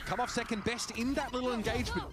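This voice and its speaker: A man casting esports play-by-play, calling the action in a rapid, excitable way. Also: very high-pitched. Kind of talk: esports commentary.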